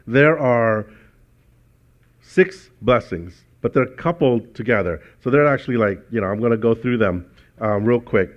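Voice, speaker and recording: A man's voice: mid-range voice, dull audio. A man preaching a sermon as pastor, telling personal stories in a conversational way with frequent restarts.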